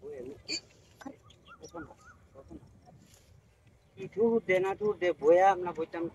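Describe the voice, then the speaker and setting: A man performing a comic fishing skit, talking in excitable, scolding bursts. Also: high voice, measured pace, vocal fry, dull audio, noisy background. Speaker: comic fisherman.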